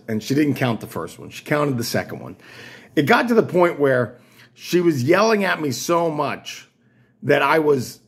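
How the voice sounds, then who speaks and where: A man tells a casual story to the camera, rambling and wry, often restarting his sentences. His voice is gravelly and husky. His pitch moves around a lot as he talks. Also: fairly bright tone. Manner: rambling, self-interrupting, wry. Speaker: vlogger.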